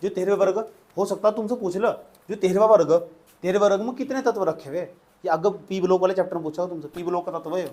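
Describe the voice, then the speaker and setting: A man's voice: sits high, fairly even intonation, quick pace, a little mellow. A man teaching a chemistry lesson, dictating notes and coaxing students with repeated questions. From India. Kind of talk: classroom lecture dictating notes.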